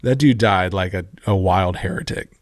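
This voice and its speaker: A man, a worship leader, talking in a casual podcast chat, affirming the other speaker and getting animated as he makes his points. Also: sits low, moderate pace, no echo, clean studio sound. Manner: affirming, gets animated when making a point.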